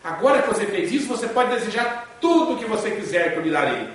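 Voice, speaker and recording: A gentle fairy speaks in a sweet, coaxing way put on by a man. The voice is high and distant, ringing through a very echoey hall. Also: very animated, fast. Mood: approving. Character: gentle female fairy granting wishes.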